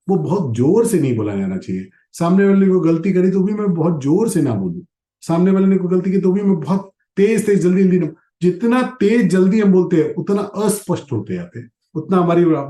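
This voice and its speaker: A man teaching a Gita class in a spiritual discourse style, with wide swings in pitch, slowing for emphasis and chanting Sanskrit verses. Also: darkish tone, echoey room.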